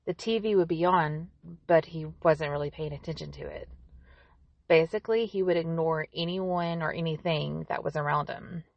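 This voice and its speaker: Woman, true-crime podcast host, lower-pitched voice, scripted storytelling, chatty asides, very dry room sound. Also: moderate pace, no echo, muffled recording.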